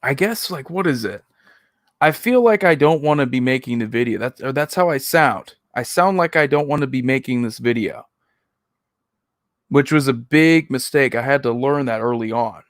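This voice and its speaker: A man's voice: medium pitch, expressive, moderate pace, dry recording, studio quality. A man hosting casual reaction commentary, talking in a rambling, self-critical way. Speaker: video host reacting to own old videos.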